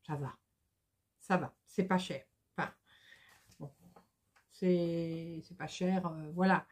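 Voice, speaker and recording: A woman's voice: lowish voice, fairly even intonation, takes it slowly, a little mellow. A middle-aged woman chatting casually to her viewers about embroidery magazines, hesitant and full of fillers. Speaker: embroidery vlogger. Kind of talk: casual chat to camera.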